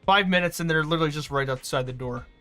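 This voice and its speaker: A man's voice: fairly high pitch, fast, pushed and bright. A man live streaming a game story playthrough, reading dialogue and commenting as he plays. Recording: music under the voice.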